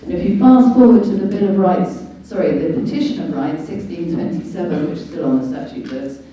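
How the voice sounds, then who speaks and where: Speaking fairly quickly in a warm, lowish voice, a British woman is the guest speaker at a public meeting, giving an informal talk on law and rights. Her style is emphatic and instructive, full of rhetorical questions, and the recording is dull and very echoey, from a distant mic in a large hall.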